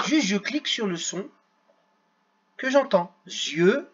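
Husky man teaching children slowly. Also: high-pitched, animated, a bit bright, muffled recording. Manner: slow, sounds out words syllable by syllable. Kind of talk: screen-recorded lesson for children.

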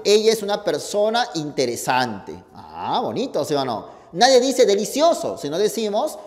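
A man teaching a class, quizzing students with quick questions as he lectures. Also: a little high, a little mellow. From Peru. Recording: long hall reverb.

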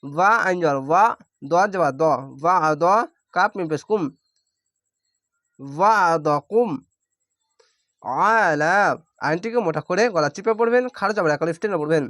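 A man's voice: high-pitched, a bit bright, dry recording, studio quality. Man patiently spelling out recitation. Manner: spells syllables out plainly, then draws out recited words slowly. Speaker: Quran reading teacher. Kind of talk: spelling-out Quran lesson.

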